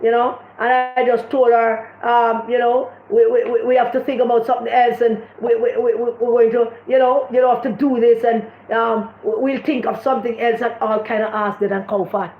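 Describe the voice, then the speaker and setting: A woman's voice: fairly high pitch, level tone, normal speed, hardly any pauses, roomy sound, narrow, tinny audio. A Jamaican woman giving impassioned political commentary on a livestream, often repeating words as she searches for what to say.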